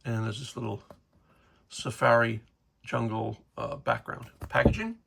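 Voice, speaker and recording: A man's voice: mid-range voice, level tone, a little slow, gravelly, fairly bright tone, a little hiss or hum. A man casually talking through a toy unboxing in his home workshop, rambling with fillers. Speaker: toy collector vlogger.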